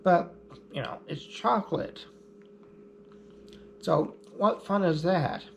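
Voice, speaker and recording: Slow-talking man with a gravelly voice. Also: high-pitched, a little hiss or hum. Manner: easygoing, plainspoken, lightly humorous. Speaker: vlogger. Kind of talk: casual explanatory vlog talk.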